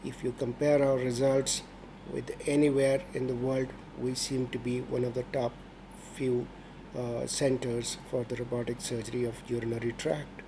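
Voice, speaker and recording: A middle-aged man with an Indian accent, a senior doctor introducing himself in a formal, measured way. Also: medium pitch, little pitch movement, warm tone, a little hiss or hum, poor audio. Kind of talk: promotional self-introduction to camera.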